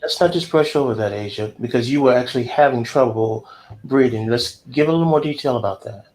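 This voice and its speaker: A man co-hosting a talk show, asking questions and explaining points in a measured way. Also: medium pitch, a little mellow, slight background noise, low-quality recording. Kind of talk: conversational interview.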